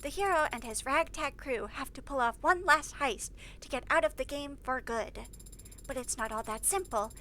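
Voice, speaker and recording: A woman's voice: high voice, moderate pace, sharp tone. A woman voicing a pedantic middle-aged father who explains a movie plot in detail. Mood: explaining.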